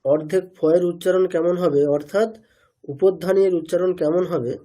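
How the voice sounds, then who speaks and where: A man's voice: high-pitched, fairly even intonation, fairly quick, mellow. A man teaching pronunciation in an online class, asking students questions, repeating their answers and sounding out syllables again and again. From India.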